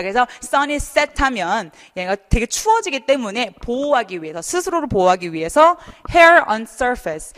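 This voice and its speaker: A young adult woman teaching a TOEFL class online, chatty and lively, often asking students questions. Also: a little high, in a large hall. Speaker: TOEFL instructor. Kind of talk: online lecture.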